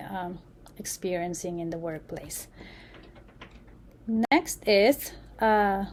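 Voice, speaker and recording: A woman giving an unscripted lecture, halting often with fillers and restarts. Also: medium pitch, mellow. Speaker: presenter.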